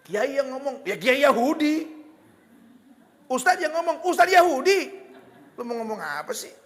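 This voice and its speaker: A man with a Betawi accent preaching a lively, joking sermon, slipping into Betawi slang. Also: extremely high pitch, moderate pace, long reverb tail. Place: hall with religious gathering.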